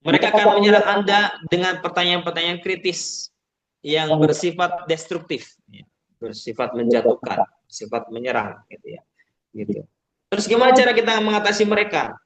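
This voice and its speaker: A man's voice: high voice, expressive, moderate pace. A man giving a casual public speaking webinar, explaining step by step and often ending sentences with a filler. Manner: acts out shouting teachers and chirpy call-and-response. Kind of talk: webinar talk.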